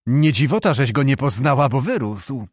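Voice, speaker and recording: A man's voice: mid-range voice, animated, normal speed, husky, no room sound, clean studio sound. A man reading an audiobook, voicing a hearty, joking middle-aged knight who is a doting father. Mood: jovial.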